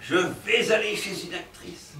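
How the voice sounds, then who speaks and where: A male stage actor playing a fussy, lecherous middle-aged provincial professor in a live farce, with theatrical, excitable delivery and chuckling asides to the audience. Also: high-pitched, unhurried, slight background noise, heavily acted. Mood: comic. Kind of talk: live stage comedy performance. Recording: roomy stage sound from a distant mic.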